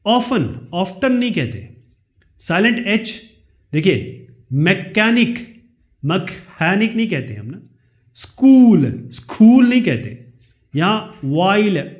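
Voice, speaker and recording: A man, teaching a lesson. He reads each question slowly, then explains the answer in quick chat. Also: sits high.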